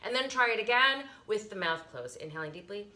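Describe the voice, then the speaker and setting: A middle-aged woman giving casual yoga instruction as a teacher, explaining informally with soft emphasis and little pauses, recorded in a living room by a camera a few feet away. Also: medium pitch, expressive. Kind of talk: casual instructional talk, guided breathing demonstration. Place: carpeted living room, indoors.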